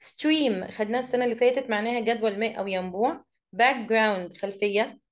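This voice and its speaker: A woman with an Egyptian accent teaching an English vocabulary lesson, saying each word slowly and then explaining it quickly. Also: a little high. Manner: reads words slowly, then explains briskly.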